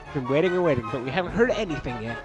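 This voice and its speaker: A man's voice: on the high side, animated, racing, dull audio, over music, pitched above the performer's own voice, close to an everyday voice. A man voicing a bored, pushy kid blocking the way to a well, in a whiny, raised voice.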